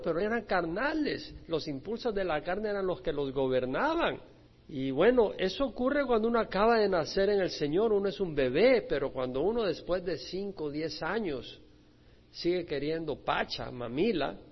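Male pastor, high voice, lively sermon delivery that swings loud and soft, dull lo-fi sound. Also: normal speed, slightly rough. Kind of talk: expository sermon. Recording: dull lo-fi recording.

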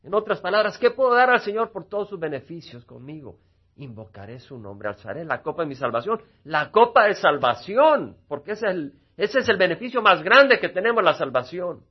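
A man preaching a sermon as pastor. He swings from loud emphasis to quiet asides and acts out little quoted dialogues. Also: high voice, very animated, a little fast, breathy edge, highs cut off.

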